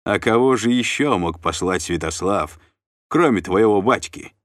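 A man's voice: on the low side, lively intonation, unhurried, no echo, studio quality, voice pushed up. A man voicing a plump, sly and jovial noble uncle who banters and bargains. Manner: chatty, bantering, scheming.

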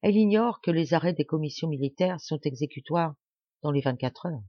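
A woman reader voicing a sober male lawyer who speaks in a hushed, measured way. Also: deep voice, animated, no echo, dull audio. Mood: grave.

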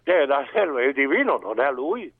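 A man's voice: mid-range voice, sing-song, moderate pace, a loud crowd. A man from northern Italy calling a radio talk show over a landline phone, insisting and repeatedly asking whether he is heard. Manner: insistent, keeps checking he is heard. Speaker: radio call-in listener. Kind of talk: casual phone-in chat. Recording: tinny phone line.

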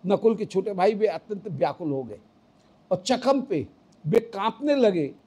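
A man's voice: high voice, expressive, measured pace, dark tone, slightly rough. A man giving a devotional scripture discourse, chanting verses and explaining them line by line. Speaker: devotional storyteller.

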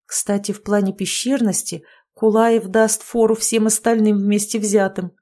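A woman's voice: mid-range voice, little pitch movement, measured pace, dark tone. Woman narrating a first-person audiobook.

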